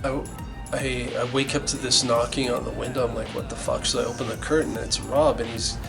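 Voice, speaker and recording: A man's voice: medium pitch, level tone, a little fast, creaky, rough recording. Rambling, foul-mouthed middle-aged man. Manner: rambling, heavy swearing, many restarts. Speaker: band member recalling the band's origins. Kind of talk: casual storytelling. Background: music.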